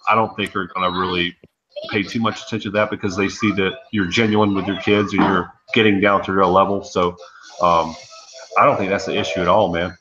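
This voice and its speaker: A man's voice: sits low, little pitch movement, fairly quick, noisy background. A man hosting a casual video-call panel, talking in an easygoing, encouraging way with lots of fillers. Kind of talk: casual chat. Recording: dull lo-fi video call audio.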